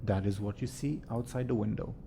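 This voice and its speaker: Gravelly low-voiced game master. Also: male voice, fairly quick, a little hiss or hum. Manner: relaxed, hesitant narration with fillers and chuckles. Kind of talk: narrating a tabletop game.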